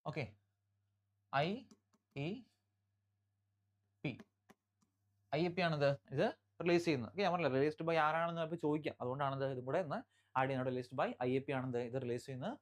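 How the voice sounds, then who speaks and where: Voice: mid-range voice, steady tone. Repetitive Kerala exam-prep teacher. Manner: repetitive, drills key facts, checks in often; reads English headlines slowly, then explains. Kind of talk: exam-prep current affairs lecture.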